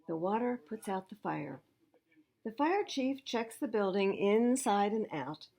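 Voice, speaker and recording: With a mellow, mid-range voice and lively intonation, a library storyteller reads a picture book to small children, pausing to make things easy to understand.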